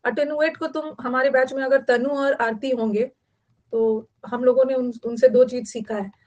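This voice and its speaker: Brief: woman teacher, fairly high voice, chatty online lecture, repeats words for note-taking. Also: fairly even intonation, normal speed, a little mellow, dull audio. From Bihar, India. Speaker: vocabulary teacher.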